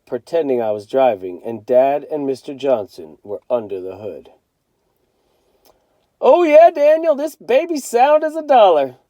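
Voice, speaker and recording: In the manner of a teacher, a man reads a children's novel aloud with expressive, storytelling flair. His voice sits at a medium pitch, and the recording has no echo.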